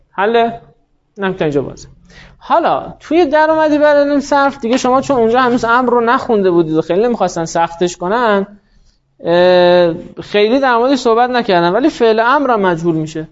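A man teaches a grammar class as a classroom lecture, using a notably high voice and going through the rules one step at a time. He frequently asks students questions, addressing them by name, and the audio is dull and lo-fi.

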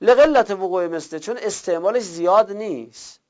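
A man with a slightly high voice teaches a grammar lesson. He reads a text slowly, then explains it in quicker speech and recites word forms in long drills. The recording sounds dull and lo-fi. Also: darkish tone. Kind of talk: classroom lecture, reading and explaining a text.

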